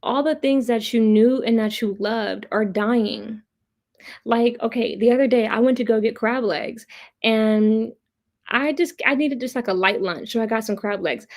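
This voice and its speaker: On a live online stream, a woman hosting pop culture commentary talks with her viewers bluntly and profanely, pressing her opinions by repeating points. Her voice is fairly high, a little mellow, and a little slow.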